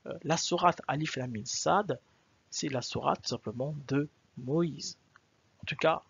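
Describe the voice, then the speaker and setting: A man's voice: medium pitch, vocal fry, breathy edge, highs cut off. A man giving an explanatory video lecture as a religious teacher, emphatic, repeating his points and asking his listeners questions.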